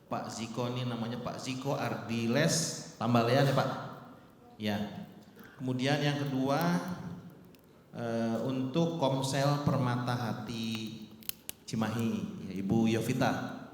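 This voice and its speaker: A man calling names in plain, unhurried announcing during a church service. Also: medium pitch, steady tone. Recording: very echoey hall, faint noise.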